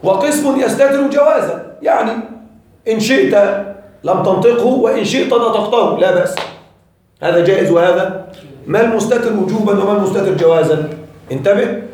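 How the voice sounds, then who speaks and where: A man's voice: sits high, a little fast, darkish tone. A man teaching a grammar lesson to a class, often checking that the students follow and repeating his key points. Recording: very echoey room, voice far from the mic.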